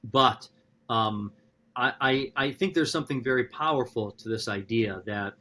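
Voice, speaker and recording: A man who is a philosophy professor, talking in a podcast conversation, animated and thinking aloud with frequent restarts. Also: moderate pace, slight background noise. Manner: animated, talks through ideas with frequent restarts; acts out quotes with sudden high-pitched voices.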